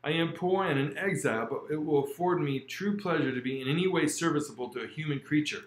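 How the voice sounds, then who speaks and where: A blind old exile, kindly and earnest, his words coming slow and measured, as a man reads him. The voice sits raised and lifted above a plain reading tone. A roomy echo surrounds it. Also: fairly high pitch, close to an everyday voice. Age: older. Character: blind, kind, elderly male exile.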